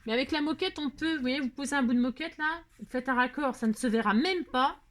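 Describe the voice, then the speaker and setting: A woman's voice: high-pitched, fast, a bit bright. A middle-aged woman hosting a crafting tutorial, chatting, rambling and joking at herself as she works. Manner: rambling, self-mocking, talks to herself while working.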